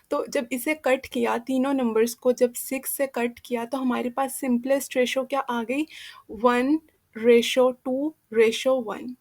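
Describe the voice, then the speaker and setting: A young woman explaining chemistry in a patient classroom manner, often checking in with her students. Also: sits high. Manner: patient, checks in with frequent "theek hai". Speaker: chemistry teacher.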